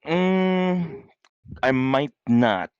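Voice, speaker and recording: A man's voice: fairly high pitch, expressive, extremely slow, clear, resonant tone, no echo, lo-fi sound. A man co-hosting a podcast in casual chat, joking and laughing often. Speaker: podcast co-host.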